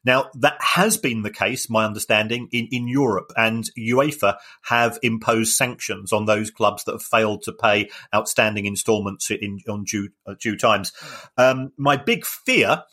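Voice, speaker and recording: Low-voiced man explaining football finance. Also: pushed and bright. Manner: measured, explanatory, frequent fillers and restarts. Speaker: podcast co-host, football finance expert. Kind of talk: casual podcast chat.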